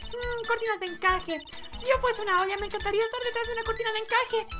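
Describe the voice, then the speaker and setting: Young waitress sidekick for a game dub: extremely high, childlike, eager and bubbly. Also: female voice, steady tone, quick pace, over loud music. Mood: curious. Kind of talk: video game character dub.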